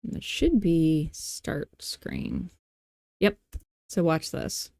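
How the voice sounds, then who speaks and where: This tutorial host narrates a screen recording extremely slowly, her fairly low, mellow voice swooping wildly in pitch and dipping into vocal fry. Playful and informal, she thinks aloud with self-deprecating asides. The audio is very dry and close, without echo.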